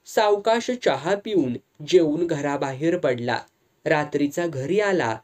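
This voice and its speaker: Lively, slightly high male storyteller. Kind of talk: Marathi story narration.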